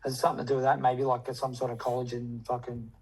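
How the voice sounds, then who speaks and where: A man's voice: mid-range voice, flat delivery, fast talker, darkish tone, poor audio. A man chatting casually in a rambling, slangy, sweary way. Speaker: coaching client. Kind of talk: casual chat.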